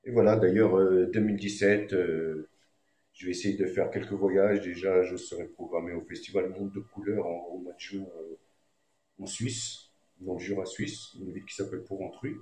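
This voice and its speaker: A man who sings reggae and does comedy tells a story in a relaxed, slangy way, with fillers everywhere. His voice sits on the low side. The sound is roomy and echoey. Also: moderate pace. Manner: laid-back, slangy, frequent fillers. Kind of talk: casual storytelling.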